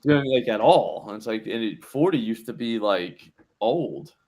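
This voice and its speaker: A man's voice: lowish voice, animated, moderate pace, a little mellow. Laid-back man hosting a betting stream. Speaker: sports betting show host. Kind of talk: casual live-stream chat.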